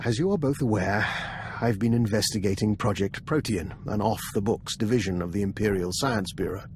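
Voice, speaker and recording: A male actor voices a shrewd older scientist spy in a video game cutscene, formal, wry and precise, with a grave mood. His voice sits on the low side and is close to everyday speech, moving fairly quickly over slight background noise.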